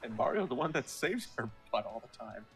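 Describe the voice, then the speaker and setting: A man's voice: mid-range voice, sing-song, fairly quick, creaky, soft background music. A man co-commenting on a game, tossing in dry joking asides from away from the mic. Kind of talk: casual gameplay commentary.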